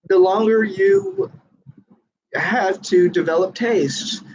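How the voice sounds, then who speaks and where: Sitting high and sounding husky, a man's voice comes through lo-fi audio as he chats to camera. He's reviewing a magic book, rambling earnestly and often restarting or filling pauses.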